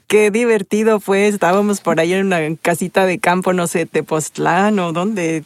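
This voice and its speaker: A woman's voice: lowish voice, steady tone, moderate pace, dry recording. A woman interviewer, chatting in a friendly way with many fillers. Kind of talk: casual interview.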